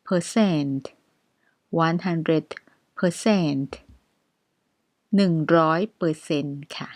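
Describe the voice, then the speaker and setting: A woman with a Thai accent teaching a step-by-step English lesson, saying numbers slowly and carefully for repetition, with polite, gentle phrasing. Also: fairly low pitch, no echo. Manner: polite with frequent particles.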